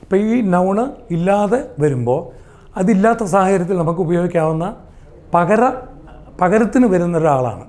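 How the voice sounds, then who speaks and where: A man's voice: fairly high pitch, a little mellow. A man with a Malayali accent teaching English grammar, asking the class questions and then answering them himself. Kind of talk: explaining grammar in a lesson.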